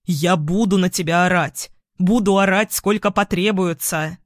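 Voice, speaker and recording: A woman voicing a weakened, tense ex-husband who alternates between shouting and pleading, read in her own voice. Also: lowish voice, unhurried, no echo, studio quality, lightly acted. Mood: angry. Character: strained, weakened ex-husband, middle-aged man.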